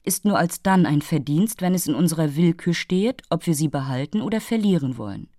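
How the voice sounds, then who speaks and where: A woman's voice: low voice, expressive, brisk, warm tone, no room sound, studio quality. A woman voicing a haughty, moralizing female fairy who lectures and takes offense easily. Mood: lecturing.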